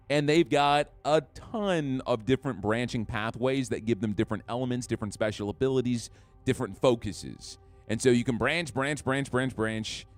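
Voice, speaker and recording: A man giving excitable, jokey commentary while playing a game on a live stream. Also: medium pitch. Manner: excitable, jokey trash talk.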